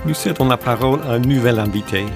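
A man hosting a Bible reflection show, reading his scripted narration in a measured, composed way. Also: mid-range voice, creaky, over music. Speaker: radio show host.

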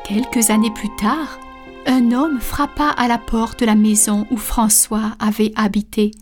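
A woman narrating a story aloud, calm and deliberate, sometimes dropping to a breathy near-whisper. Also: on the high side, soft background music. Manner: calm, deliberate, some soft unvoiced passages. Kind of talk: storybook reading.

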